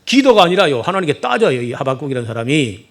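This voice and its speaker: A man's voice: on the high side, sing-song, fast. A middle-aged man preaching a sermon, animatedly acting out the prophet's complaints with rhetorical questions. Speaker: pastor. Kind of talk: expository sermon.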